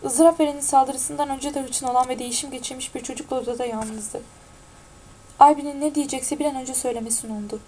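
A woman narrating an audiobook in a steady, even-toned reading. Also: high-pitched, fast talker, slight background noise, rough recording.

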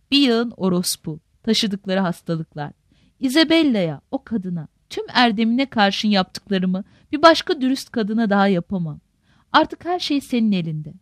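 A woman voicing a weary, resigned older male sea merchant uncle in a storybook reading, speaking gravely. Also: a little high, dry recording, clean studio sound.

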